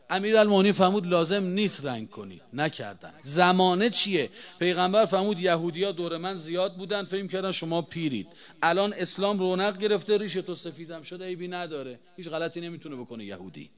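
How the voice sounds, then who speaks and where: A man giving a religious talk to a gathering, rhetorical and insistent, moving between loud emphatic bursts and quiet low asides. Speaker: religious eulogist speaking on mourning rites.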